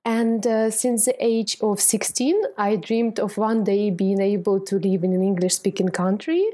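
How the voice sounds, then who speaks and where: A woman's voice: medium pitch, flat delivery, normal speed, warm tone. A woman from Ukraine, answering interview questions eagerly with many fillers and restarts. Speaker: guest.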